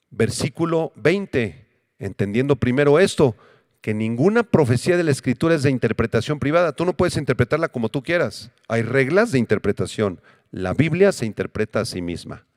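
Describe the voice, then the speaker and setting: A man preaching a Bible-teaching sermon as pastor, asking rhetorical questions and answering them himself, and slowing down to repeat key words. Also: medium pitch, no echo, studio quality. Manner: emphatic, repeats key words slowly for note-taking.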